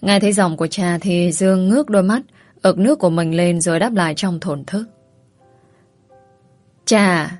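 A woman narrating a romance audiobook, reading in a measured, softly expressive way. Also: fairly low pitch, no room sound, faint music behind. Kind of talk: scripted story narration.

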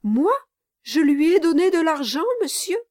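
A woman's voice: a little high, unhurried, a little mellow, no room sound, clean studio sound, natural voice. A woman doing a sly oily lawyer. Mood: indignant denial. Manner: unctuous, mock-sorrowful, sneering. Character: scheming smooth-talking male lawyer, oily and sly.

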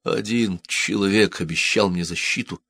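A man voicing a calm, resigned farmer who pleads and reasons in a storybook reading. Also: sits low, no room sound, studio quality. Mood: firm. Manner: pleading, measured.

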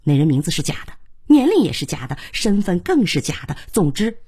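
A woman's voice: lowish voice, very animated, a little fast, breathy edge, exaggerated voice. Woman reading a lecturing, stern mother. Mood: scornful. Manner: lecturing, sharp, talks on and on. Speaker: mother of the daughter. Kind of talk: audiobook character reading.

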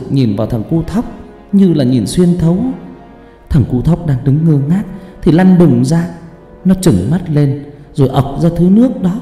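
A man's voice: a little high, dark tone, voice pushed up. A man voicing a frightened young woman in a horror story, her telling pleading and breathless. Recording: echoey hall, long reverb, faint music.

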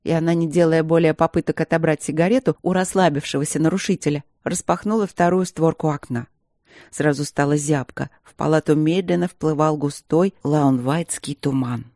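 A narrator reading a novel aloud in an even, measured way. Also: medium pitch, no room sound, studio quality. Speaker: audiobook narrator. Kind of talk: scripted narration.

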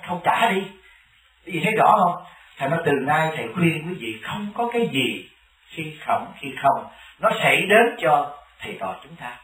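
A man's voice: mid-range voice, fairly bright tone. A man, a Buddhist monk giving a sermon, telling stories and often asking his listeners questions. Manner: storytelling, often asks the audience questions. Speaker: Buddhist monk teaching a congregation. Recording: echoey hall, distant mic.

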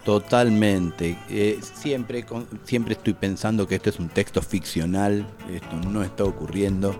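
Low-voiced hesitant Argentine radio host. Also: male voice, fairly even intonation, measured pace, darkish tone, soft background music. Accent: Argentine Spanish. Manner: hesitant, many fillers and restarts while introducing segments. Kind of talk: community radio hosting.

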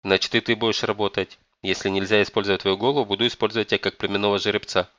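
A man's voice: on the low side, level tone, very fast, a bit bright, no echo, muffled recording, lightly acted. A man voicing a stern, domineering elderly grandmother who scolds and commands. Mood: scolding.

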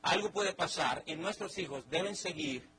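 A middle-aged man with a Mexican accent teaching a Bible study in a lively sermon style, acting out everyday family scenes with many restarts. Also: on the high side, moderate pace, husky, low-quality recording.

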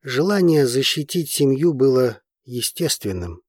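Male narrator, mid pitch, slow unhurried audiobook reading, dry studio sound. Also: husky, no echo. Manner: steady, unhurried storytelling. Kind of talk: scripted narration.

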